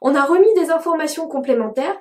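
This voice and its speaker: A woman presents a digital marketing tutorial in a bright, high voice, talking in a chatty way with many small hesitations. Her voice rings out in a noticeably echoey room. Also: lively intonation, quick pace. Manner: chatty, frequent hesitations with "euh". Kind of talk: tutorial explanation to camera.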